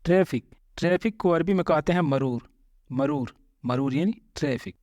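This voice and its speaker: Man drilling vocabulary, slightly high voice. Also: darkish tone, no echo. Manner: slow, repeats each word as a drill; patient explaining, corrects common mistakes. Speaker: Arabic vocabulary teacher. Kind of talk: Hindi-language vocabulary lesson.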